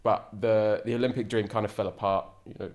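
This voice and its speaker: A man's voice: fairly low pitch, fairly even intonation, brisk, a little mellow. A man, a guest chatting enthusiastically in a casual interview and often restarting his sentences. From England. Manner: enthusiastic, rambling with frequent restarts. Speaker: podcast guest, ocean sailor.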